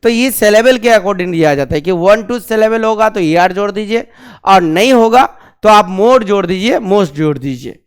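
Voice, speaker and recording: A man's voice: sits high, animated, smooth. A male grammar teacher giving a classroom lesson, asking the class questions and repeating key terms. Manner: drills slowly on key terms.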